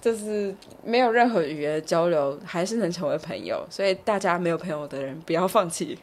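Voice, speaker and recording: A woman's voice: lowish voice, lively intonation, a little fast. A young woman with a Taiwanese Mandarin accent, co-hosting a casual podcast chat in a playful, giggly manner. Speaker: podcast co-host.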